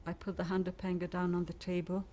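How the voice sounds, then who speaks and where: A woman's voice: fairly low pitch, completely flat delivery, fairly quick, mellow, a little hiss or hum. A woman, giving oral history testimony and vividly retelling events with acted-out dialogue. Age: 90s. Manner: vivid storytelling, acting out dialogue. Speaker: interviewee.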